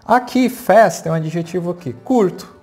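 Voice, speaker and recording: A teacher with a Brazilian accent explains grammar at a whiteboard. They talk patiently, check in often with the class and spell out the key words slowly. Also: mid-range voice, animated, darkish tone, faint music behind. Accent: Brazilian Portuguese. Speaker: English teacher.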